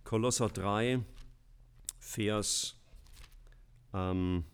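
A middle-aged man preaching a sermon in a lively, emphatic way, with humorous asides. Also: lowish voice, very slow, smooth.

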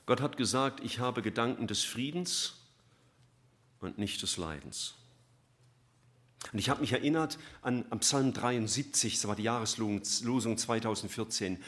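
A man preaching a sermon, swinging between loud emphatic lines and soft, almost whispered ones. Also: medium pitch, unhurried.

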